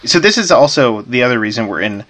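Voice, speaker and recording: Male podcast co-host, bright forward tone, easy chatty delivery. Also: medium pitch, very animated, fast talker. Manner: chatty, trivia-minded, laughs often. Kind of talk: casual chat about movies.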